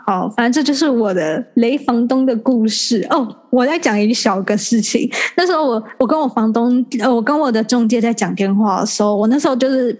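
A woman's voice: fairly high pitch, a little fast, few pauses, darkish tone. A young woman from Taiwan, chatting casually as a podcast host and acting out quoted dialogue as she tells her story. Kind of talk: casual chat.

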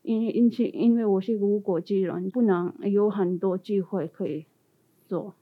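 Female interview guest, foreigner speaking accented Mandarin, halting and simple, on a muffled narrow-band line. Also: medium pitch, fairly even intonation, breathy edge. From India. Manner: non-native Mandarin speaker, halting, simple phrasing with repetitions. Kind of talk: conversational interview answers. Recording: muffled narrow phone-like sound.

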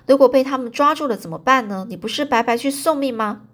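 A woman's voice: sits high, quick pace, fairly bright tone, voice pushed up. A woman voicing an anxious young woman who pleads and worries aloud. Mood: worried.

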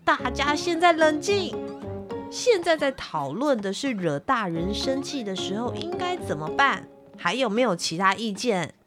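A woman voicing an earnest little boy who leads a children's meeting, speaking slowly and formally. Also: on the low side, animated, music in the background. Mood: firm. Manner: slow, formal announcing.

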